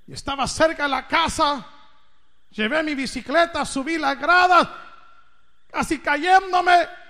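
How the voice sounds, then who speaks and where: A man preaching, telling a dramatic personal story with big swings in loudness and pitch. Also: unhurried. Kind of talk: storytelling sermon. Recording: reverberant hall.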